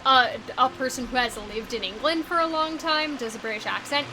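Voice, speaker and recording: A woman's voice: high-pitched, brisk. A woman streaming a video game, chatting casually and rambling, with lots of fillers and restarts. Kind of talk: casual live-stream commentary. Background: game music.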